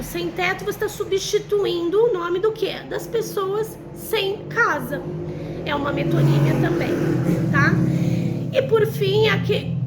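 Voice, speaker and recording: A woman's voice: very high voice, heavy background noise. A young adult woman with a Brazilian Portuguese accent, teaching a recorded literature lesson to ninth graders and often checking in with them through "né?". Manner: chatty, addresses students directly with frequent "né?".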